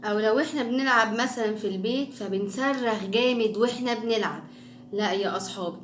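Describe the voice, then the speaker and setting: A woman with an Egyptian accent hosting a children's show, coaxing and lively as she talks to young viewers. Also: on the high side, fast. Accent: Egyptian Arabic. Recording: echoey room.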